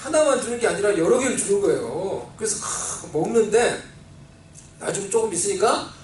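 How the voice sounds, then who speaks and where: A man preaching a sermon as pastor, telling a childhood story in an animated way and acting out the voices he quotes, with a Seoul Korean accent. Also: high voice, normal speed, a little hiss or hum. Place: church sanctuary. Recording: roomy, distant church recording with faint ambience.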